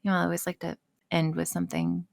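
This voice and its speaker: A voice actress and audio creator speaks quickly in a fairly low, monotone, creaky voice during a casual interview. She's candid and self-deprecating, and she doesn't hold back on swearing.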